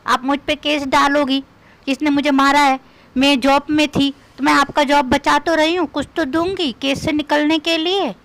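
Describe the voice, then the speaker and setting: A woman's voice: sits high, fairly even intonation, moderate pace, fairly bright tone. A woman doing a comic rant in a scolding, mocking, quarrelsome way. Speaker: comedian.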